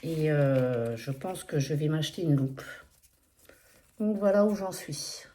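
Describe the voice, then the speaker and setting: A woman with a non-standard accent in French casually shows off her cross-stitch projects in a flosstube progress update. Her low-pitched voice is expressive and mellow and a little slow, and she comes across as hesitant, chatty and apologetic, with many fillers.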